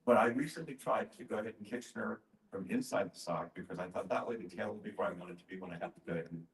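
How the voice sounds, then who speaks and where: A man with a fairly low voice speaks from the audience in a roomy, echoing space. He asks casually and explains his problem earnestly, one step after another. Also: very fast, vocal fry. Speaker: workshop attendee asking a question. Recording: roomy, echoing live event sound.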